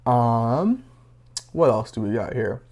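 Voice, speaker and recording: A man's voice: mid-range voice, sing-song, slow pace, darkish tone. A nineteen-year-old man casually reviewing a pocket knife, rambling with lots of fillers and a little out of breath. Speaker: gear reviewer.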